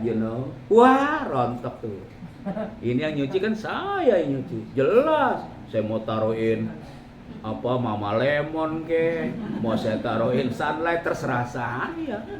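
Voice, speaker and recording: A middle-aged man with a medium-pitched voice gives a humorous religious talk to a congregation in a mosque hall, lively and joking as he addresses them as ladies and gentlemen. The hall is echoey, with faint ambience and slight background noise.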